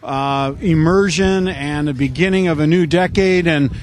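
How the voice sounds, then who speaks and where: A man's voice: on the high side, measured pace. A man interviewing and commentating at an outdoor event, speaking in effusive, wordy, formal phrases. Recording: noisy outdoor recording with crowd. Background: crowd and outdoor noise.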